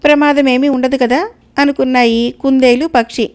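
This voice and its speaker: Woman storyteller, fable narration, expressive, a bit high. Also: moderate pace, clear, resonant tone.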